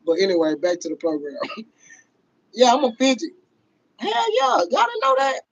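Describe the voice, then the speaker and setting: A man, hosting a casual livestream rant. He talks loudly and profanely to his viewers, laughing often. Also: very high voice, huge pitch swings, normal speed, gravelly, muffled recording. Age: 30s. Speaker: livestream host.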